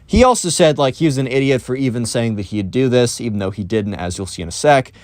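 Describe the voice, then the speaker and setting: A man's voice: medium pitch, lively intonation, fast talker, dry recording. Rambling young storytelling man, dry sound. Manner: rambling, filler-heavy. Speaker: storytime YouTuber. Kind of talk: casual storytime vlog.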